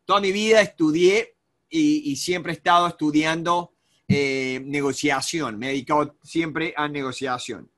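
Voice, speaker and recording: An Argentine negotiation coach in his 40s presents a live webinar from his home office with bookshelves, using a video call webcam. He has a high, bright voice with an Argentine Spanish accent and fairly even intonation, and he rambles at an unhurried pace with many restarts and fillers.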